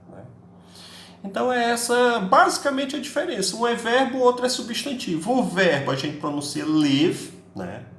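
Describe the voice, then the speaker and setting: A man's voice: on the high side, a bit bright, a little hiss or hum. A man, an English teacher giving a recorded class lecture in a chatty way, with constant tag questions. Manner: chatty, peppers speech with tag questions, acts out students' questions. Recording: echoey room, faint ambience.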